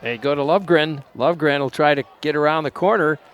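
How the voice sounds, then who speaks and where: A man calling a college football game play by play in a relaxed, unpolished way, sometimes unsure of player names. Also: fairly high pitch, quick pace. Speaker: play-by-play announcer. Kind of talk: local college football commentary.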